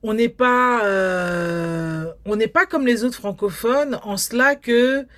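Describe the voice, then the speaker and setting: A woman from Guadeloupe talks about her documentary work in an interview. Her voice sits a little high, and she tells her stories with lively, acted-out inner dialogue. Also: slow. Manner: animated storyteller, acts out quoted inner thoughts. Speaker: documentary filmmaker. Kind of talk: interview conversation.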